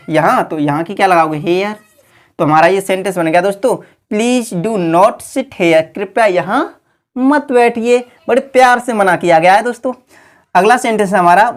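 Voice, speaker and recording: A woman teaching a grammar lesson at an unhurried pace. She talks to her viewers as friends and poses questions that she answers herself. Now and then she stops to spell a word out letter by letter. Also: mid-range voice. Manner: keeps calling the viewers friends. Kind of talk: explaining a lesson.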